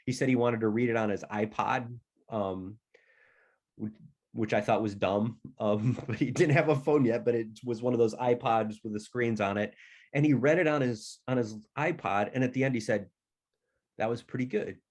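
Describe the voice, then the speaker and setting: A male author tells the story of his writing in an easy, conversational manner. His voice sits at an ordinary middle pitch, neither high nor low. He sounds plainspoken and at ease. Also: moderate pace, darkish tone. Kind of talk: casual storytelling about writing.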